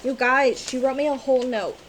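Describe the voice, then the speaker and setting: A woman vlogging about cross-stitch, chatting casually to camera and gushing with excitement, now and then breaking into loud exclamations. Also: high voice, brisk, a little hiss or hum, low-quality recording. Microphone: on-camera mic, seated at desk with ring light.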